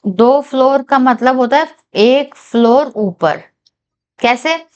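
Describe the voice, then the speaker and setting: Slow, smooth-voiced woman teaching. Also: high-pitched, a little mellow, dull audio. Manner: slow, careful reading of English statements, checks in with viewers. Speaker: reasoning tutor for bank exams. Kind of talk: whiteboard lesson, Hindi mixed with English.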